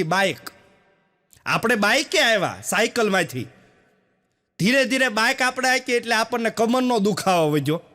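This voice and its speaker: A man's voice: very high-pitched, bright, forceful tone. A man from doing folksy stand-up storytelling, with a chatty manner that speaks straight to the audience. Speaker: stand-up comedian.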